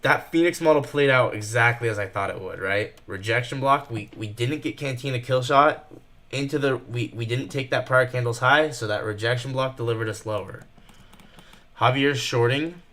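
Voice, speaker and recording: A nervous young man giving fast live commentary while trading, thinking out loud and rushing his words. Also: medium pitch. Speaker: day trader streaming live.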